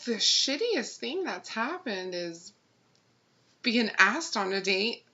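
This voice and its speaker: Twenties woman, animated and giggly in casual chat; expressive pitch, lo-fi recording. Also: takes it slowly. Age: 20s. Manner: animated, laughs a lot, says "like" often.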